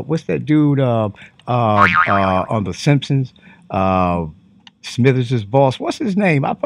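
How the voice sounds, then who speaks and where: A man's voice: fairly high pitch, vocal fry, slightly rough, dry recording. A man giving a profane, unscripted commentary monologue, talking animatedly and mocking the voices he quotes. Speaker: online commentary host.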